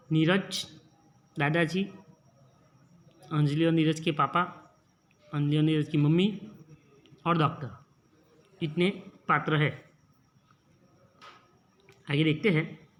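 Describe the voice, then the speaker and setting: A male teacher from Gujarat explaining a textbook lesson slowly, repeating and explaining each line. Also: on the high side, fairly even intonation. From Gujarat, India.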